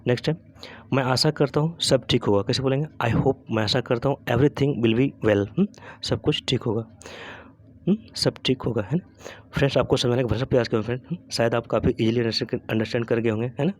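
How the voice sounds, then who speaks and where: A man teaching spoken English, dictating each sentence slowly, translating it phrase by phrase, and checking in with frequent "hmm?" questions. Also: mid-range voice, a little mellow, no echo.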